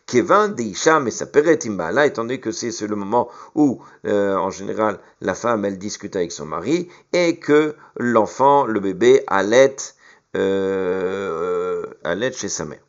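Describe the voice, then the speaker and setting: A man with a fairly low voice leads a Talmud study session. He works through the text by reading a phrase in the original and explaining it, pausing on repeated words and fillers. The recording sounds muffled and lo-fi. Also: big pitch swings. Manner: reads Hebrew and Aramaic phrases, then translates them into French. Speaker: Talmud teacher. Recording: dull lo-fi recording.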